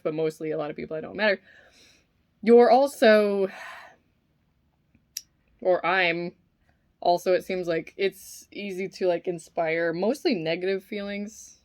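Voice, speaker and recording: A woman chatting casually and musing in a halting, informal way while eating, sometimes with her mouth full. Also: on the low side. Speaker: vlogger eating on camera. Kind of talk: casual rambling opinion talk while eating.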